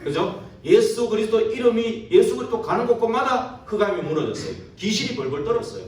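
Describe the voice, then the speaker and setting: Heard from a distance in a very echoey church hall during a service, a male pastor delivers his sermon in a high voice, very animated and fairly quick. He poses rhetorical questions and uses tag questions to check that the congregation agrees.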